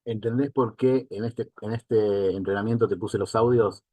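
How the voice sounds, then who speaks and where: Mellow-voiced Rioplatense coach. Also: male voice, lowish voice, fairly even intonation, moderate pace, no room sound. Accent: Rioplatense Spanish. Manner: asks for agreement again and again. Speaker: life coach. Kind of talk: online mentoring lesson.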